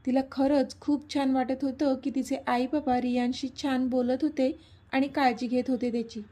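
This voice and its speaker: A woman narrating a serialized romance story in a steady, gentle reading manner. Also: high voice, normal speed.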